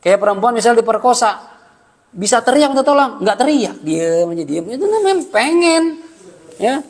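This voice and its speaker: A man teaching an Islamic study class, lively and joking, with slangy asides and acted-out bits of dialogue. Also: extremely high pitch, moderate pace, long reverb tail. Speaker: religious teacher.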